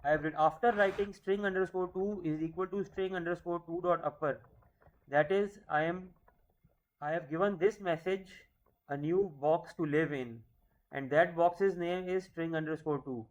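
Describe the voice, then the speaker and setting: A man's voice: on the high side, normal speed. A man in his thirties with a Pakistani English accent, teaching a coding lecture patiently, repeating points and correcting himself. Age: 30s. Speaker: programming teacher. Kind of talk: screen-recorded coding lecture. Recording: dull lo-fi mic with faint hiss.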